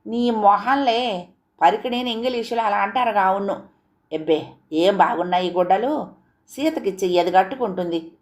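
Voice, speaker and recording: A woman's voice: medium pitch, animated, normal speed, a little mellow, natural voice. A woman doing a fussing, doting old grandmother. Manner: scolding, coaxing.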